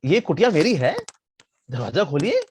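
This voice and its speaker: A man voicing a young male sage who is cocky at first, then stammers and insists loudly. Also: a little high, big pitch swings, normal speed, a little hiss or hum. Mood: insistent.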